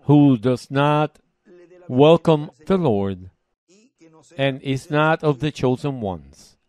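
A man preaches at a church service, reading scripture aloud and unpacking it line by line. His voice sits at a middle pitch, and he speaks in short, emphatic phrases with deliberate pauses. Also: a little mellow. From Puerto Rico. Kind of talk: sermon, reading and explaining scripture.

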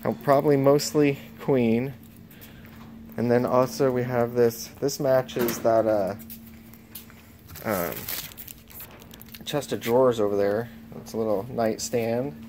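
Slow-talking man touring an auction floor. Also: mid-range voice, steady tone, mellow, a little hiss or hum. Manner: unhurried, casual item-by-item commentary. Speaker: auction house preview host. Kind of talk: walkthrough auction preview. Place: large indoor warehouse auction floor. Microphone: handheld phone camera.

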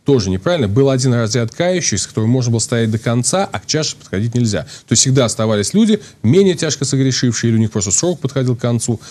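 Talking rapid-fire with few pauses, a priest guest in his thirties gives long explanations on a studio talk show through a lapel mic. His expressive, medium-pitched voice has a darkish tone, and he thinks aloud with frequent restarts and fillers.

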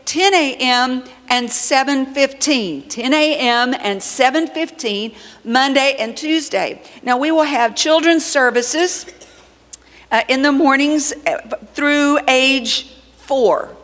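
High-voiced woman speaking in a church hall. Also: slow, fairly bright tone. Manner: playful, teasing banter. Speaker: co-pastor. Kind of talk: church announcements and teaching. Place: large church sanctuary.

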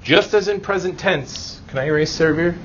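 The speaker is a man teaching Spanish grammar, his voice slightly high and fairly bright, his pace moderate. He sounds casual and reassuring, frequently checking in with quick rhetorical questions. Clear background noise sits under the dull, lo-fi recording.

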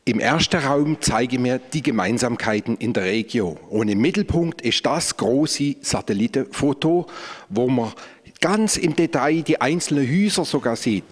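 Man guiding a museum tour. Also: medium pitch. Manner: explanatory, pointing out exhibits. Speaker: museum director. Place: large indoor exhibition hall. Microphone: handheld microphone.

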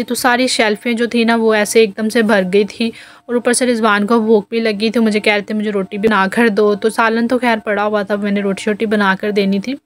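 Her voice a little high, a home vlogger in her thirties with a Pakistani accent casually walks through each step in a voice-over, leaning heavily on fillers.

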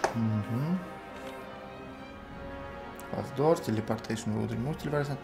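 A man in his twenties with a Russian accent, thinking aloud in halting fragments as he gives casual live game commentary. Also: mid-range voice, gravelly. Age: 20s. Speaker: game streamer. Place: indoor room at a computer. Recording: music behind the voice. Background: music, keyboard typing.

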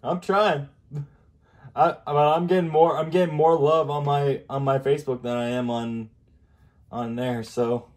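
A man hosting a casual live stream, chatting in a rambling, halting way full of fillers over a video chat mic. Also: a little high, fairly even intonation, darkish tone. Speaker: streamer host. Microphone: video chat computer mic.

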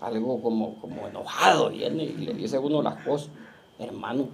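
A male pastor preaching to his church, often checking in with the congregation and slowing down to read scripture aloud. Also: mid-range voice, creaky, slight background noise. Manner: keeps asking the flock "¿verdad?"; reads scripture slowly and loudly. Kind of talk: Pentecostal-style sermon. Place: church in Las Vegas.

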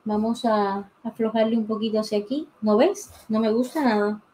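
A woman's voice: a little high, fairly even intonation, moderate pace, dark tone, slight background noise, low-quality recording. A woman chatting casually while she draws during a live drawing tutorial, thinking aloud and greeting viewers by name, on a desk mic. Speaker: drawing teacher streaming live. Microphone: desk mic beside the pencil sharpener.

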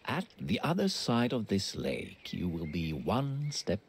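An actor playing a mysterious demonic narrator spirit in a video game, deep-voiced, with a deliberate, sinisterly polite manner. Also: male voice, huge pitch swings, a little hiss or hum, full character voice. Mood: sly, encouraging. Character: mysterious male narrator spirit guiding a little girl. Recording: game music behind.

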